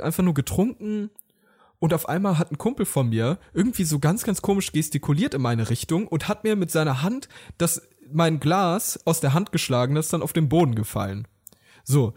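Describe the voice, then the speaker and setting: A man's voice: fairly high pitch, darkish tone, breathy edge. A man co-hosting a casual chat, telling a rambling, self-mocking story and acting out quotes. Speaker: podcast co-host.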